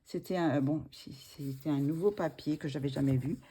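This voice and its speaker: Low, mellow-voiced woman chatting casually. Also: normal speed, husky. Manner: hesitant, many fillers and restarts. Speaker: art supplies vlogger. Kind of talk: casual haul video.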